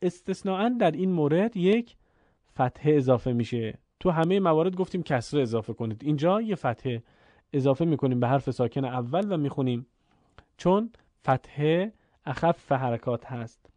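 A man teaching Quran recitation rules in a calm spoken lesson, pausing to chant examples. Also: fairly high pitch, no echo. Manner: explains slowly, then chants Arabic examples.

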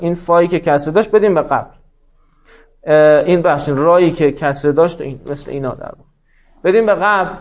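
A man with a high voice teaches a grammar lesson, turning the rules into little conversations with the letters. He slows right down to spell out word forms one by one and to dictate each rule. The recording sounds dull and muffled. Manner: acts out dialogues with the letters, voicing them in quotes.

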